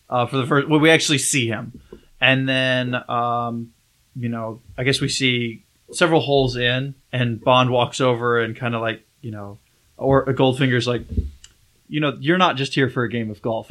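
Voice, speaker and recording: A man's voice: mid-range voice, fairly bright tone. A man co-hosting a casual film podcast, recapping scenes hesitantly with many fillers. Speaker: podcast co-host.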